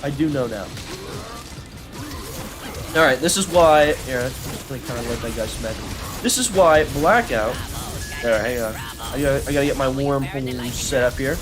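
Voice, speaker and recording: A young adult man streaming a video game, talking in an excitable, rambling way with many fillers and restarts as he plays. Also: mid-range voice, normal speed, long pauses, over music. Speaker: gaming streamer. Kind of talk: live gameplay commentary.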